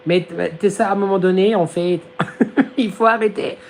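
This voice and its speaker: A man's voice: high-pitched, fairly even intonation, normal speed, vocal fry, a little hiss or hum, rough recording. A man hosting a live stream, chatting casually with his viewers in a giggly, slangy way while his voice is going. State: losing his voice. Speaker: live-stream host reading chat. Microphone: phone. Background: fan humming behind the phone.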